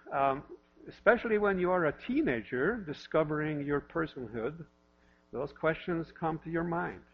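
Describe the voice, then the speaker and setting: A husky pastor in his fifties, originally from Norway, preaches in a church and talks a little higher than most men. He speaks conversationally and pokes fun at himself. The recording is lo-fi and dull, with a steady mains hum behind him. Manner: warm self-deprecating humor, conversational with repeated questions. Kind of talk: sermon. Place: church sanctuary.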